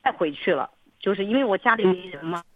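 A woman's voice: mid-range voice, lively intonation, fast, no echo. A woman calling a counseling program, telling a long story in an earnest, rambling way, often repeating herself and restarting sentences. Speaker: caller. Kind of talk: radio call-in counseling. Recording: tinny phone line.

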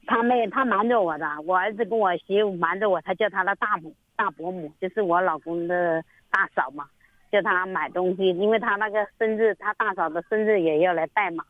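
A woman's voice: medium pitch, brisk, no echo. Middle-aged woman caller, rambling and repetitive, tinny phone line. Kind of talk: phone-in call.

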